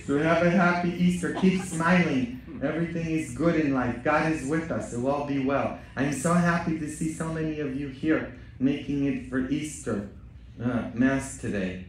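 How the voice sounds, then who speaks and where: Priest in an echoey church. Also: male voice, a little high, normal speed, distant mic, a little hiss or hum. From Poland. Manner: joking, bantering with the congregation, rising to loud exhortation. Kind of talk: Easter homily and parish announcements. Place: large church.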